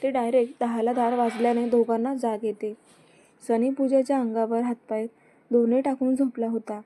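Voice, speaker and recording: A woman reading a romance story aloud in a plain, steady way. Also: a little high, normal speed.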